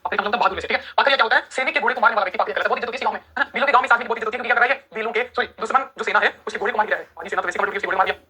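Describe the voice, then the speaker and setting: A woman teacher races through an exam-prep lecture in a bright, husky voice. She keeps quizzing her students, repeats each term several times and asks "right?" again and again. Her pitch sits a little high. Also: racing, hardly any pauses. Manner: repetitive, quizzing, addresses students as friends.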